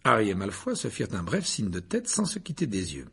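Guy reading an audiobook, gravelly husky voice, lots of pitch movement. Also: wildly swooping pitch, a little fast. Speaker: narrator.

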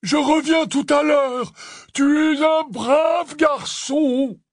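A man voicing a huge, big-hearted bearded half-giant gamekeeper who talks loud, breathless and gushing. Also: fairly low pitch, fairly even intonation, slow, breathy edge, no room sound, clean studio sound. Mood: overjoyed.

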